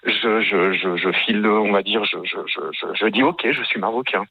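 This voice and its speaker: A man's voice: lowish voice, normal speed, slightly rough, no room sound, phone-quality sound. A man in his fifties from France calling in to a radio show, talking earnestly and hesitantly, with many fillers and restarts. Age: 50s. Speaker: caller. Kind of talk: radio call-in testimony.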